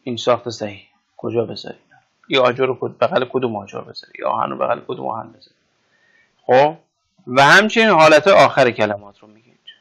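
A man with a gravelly, creaky voice gives a casual grammar lesson. He talks through ideas with homely comparisons and keeps stopping to ask whether his students follow. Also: mid-range voice, lively intonation, pauses often, a bit bright. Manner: explains with everyday examples, often checks "right?". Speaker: teacher of Arabic grammar. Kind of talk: informal classroom lecture.

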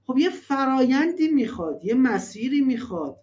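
A man's voice: very high-pitched, very animated, darkish tone. Earnest man counseling parents, lo-fi. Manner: earnest, emphatic, rhetorical questions. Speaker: religious family counselor. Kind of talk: advice talk to parents. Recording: dull lo-fi recording.

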